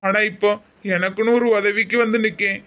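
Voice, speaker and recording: A man's voice: high-pitched, steady tone, brisk, narrow, tinny audio, natural voice. A man voicing pleading broke cartoon businessman. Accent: Tirunelveli Tamil. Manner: pleading, bitter.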